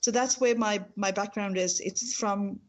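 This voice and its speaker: A woman's voice: medium pitch, steady tone, measured pace, slight background noise. A woman from Pakistan with a strong Pakistani accent, explaining her professional work informally in an earnest way, often repeating words. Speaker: speech-language pathologist and university lecturer. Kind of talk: informal professional talk about own work.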